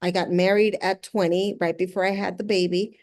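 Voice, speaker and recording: Level in tone and a little fast, this woman's low, slightly mellow voice carries an earnest conversational story. She's a middle-aged luxury house flipper being interviewed, born in El Salvador and brought to the US at age six.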